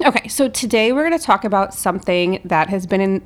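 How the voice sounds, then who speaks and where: A woman's voice: mid-range voice, lively intonation, brisk. A woman co-hosting a podcast, explaining things in an informal, conversational way. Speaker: podcast co-host. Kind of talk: casual explanatory chat.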